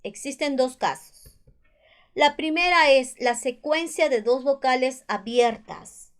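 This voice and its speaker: Speaking slowly in a high voice, a woman teacher patiently goes through spelling rules over slides and repeats each one. She has a Peruvian Spanish accent.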